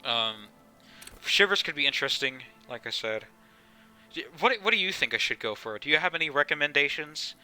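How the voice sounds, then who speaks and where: A man's voice: a little high, expressive, moderate pace, sharp tone, soft background music. A young man streaming a game live, chatting casually and rambling, with the odd swear. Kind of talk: casual live gameplay commentary.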